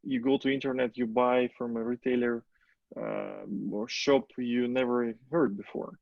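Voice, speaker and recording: A man hosting a webinar conversation, who speaks haltingly with lots of "like" fillers. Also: mid-range voice, fairly even intonation, vocal fry, no room sound. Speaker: webinar host. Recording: dry, dull video call audio.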